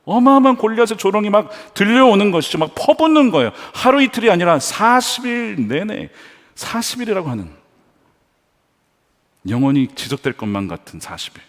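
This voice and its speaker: A male pastor preaching a sermon in a church, earnest, swinging between hushed storytelling and emphatic points. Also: high-pitched, very animated, brisk, in a large hall.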